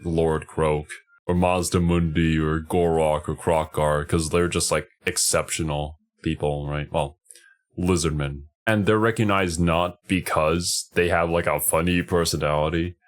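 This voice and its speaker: A man's voice: extremely low pitch, fairly even intonation, a little slow. A man streaming casual reaction commentary, thinking aloud a little hesitantly as he goes.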